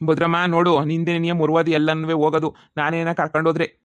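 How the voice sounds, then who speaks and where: A man voicing a pushy, foul-mouthed moneylender in a cartoon comedy, shouting and threatening. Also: a little high, completely flat delivery, fast, clear, resonant tone, no room sound, natural voice. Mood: demanding.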